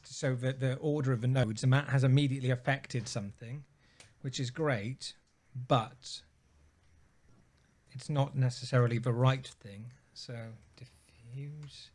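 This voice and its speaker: A man on a video call, casually working through a software problem out loud, trailing off and restarting as he thinks. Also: mid-range voice, moderate pace. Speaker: software user on a live Q&A. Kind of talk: casual technical problem-solving chat.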